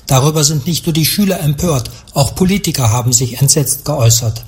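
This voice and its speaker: Male correspondent, higher voice, standard report read. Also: lively intonation, fairly quick. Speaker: foreign correspondent. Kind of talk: news report.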